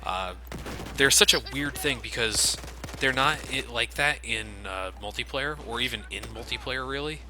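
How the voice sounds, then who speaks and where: A let's play commentator with a medium-pitched voice talks at a moderate pace, with a little hiss or hum on the recording. He explains the game casually and swears plenty, while loud video game gunfire and action play behind him.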